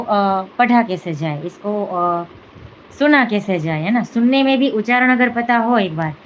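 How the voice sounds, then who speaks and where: A woman's voice: a little high, slight background noise, rough recording. A woman hosting a devotional live stream, talking casually with many fillers and "है ना" asides. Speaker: devotional channel host.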